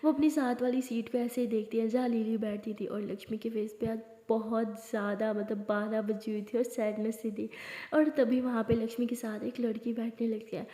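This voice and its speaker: A woman's voice: on the high side, flat delivery, moderate pace, dark tone. A woman narrating a love story in a plain, conversational storytelling way. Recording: roomy hall reverb.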